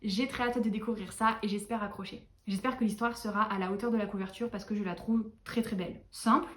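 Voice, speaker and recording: A woman's voice: mid-range voice, steady tone, brisk. Chatty, self-mocking young woman, echoey room. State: tired. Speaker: book vlogger. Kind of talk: casual book chat to camera.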